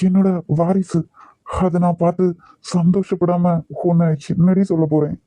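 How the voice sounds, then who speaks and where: A man's voice: sits high, level tone, normal speed, warm tone, dry recording, lightly acted. A man voicing an earnest, possessive young husband in a cartoon love story. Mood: insistent. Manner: earnest, insistent, emotional.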